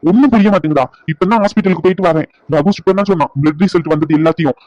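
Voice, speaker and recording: A furious young husband, voiced by a man in a cartoon, shouting and accusing in a rush. His voice is high for a man and very fast, on a dull lo-fi recording with no room sound. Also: no echo, natural voice. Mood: angry. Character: angry young husband storming home. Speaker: cartoon character.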